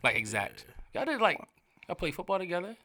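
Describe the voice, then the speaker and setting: A man's voice: sits high, wildly swooping pitch, crowd noise. A man hosting a casual podcast, joking around and asking his guests questions. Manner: quick, joking, interviewing. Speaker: podcast host.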